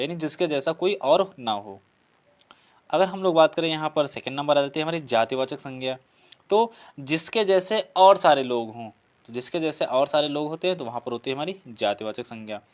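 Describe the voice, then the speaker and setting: A man from India teaches an online exam-prep grammar lesson, working step by step with repetition, listed examples and rhetorical questions. His voice is a little high, brisk, and lively in intonation.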